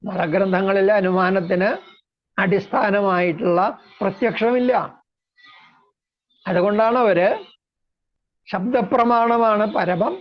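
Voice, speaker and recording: A man lecturing on philosophy in a slow, measured way, explaining terms step by step. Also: high voice. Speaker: lecturer on Indian logic. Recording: dull lo-fi recording.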